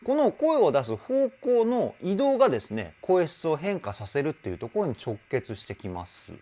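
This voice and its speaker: Lively, excitable male vocal coach. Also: on the high side, normal speed. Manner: excitable, chatty and self-deprecating; breaks into sung vocal demonstrations. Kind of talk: song reaction and vocal analysis.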